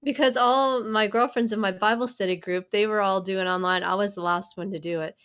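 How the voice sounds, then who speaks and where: A woman from California, a guest on a podcast, telling her part with bright energy. She sits back from the microphone. The remote call makes her sound dull and lo-fi. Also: medium pitch, fairly even intonation, fairly quick. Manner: bright, laughing interjections.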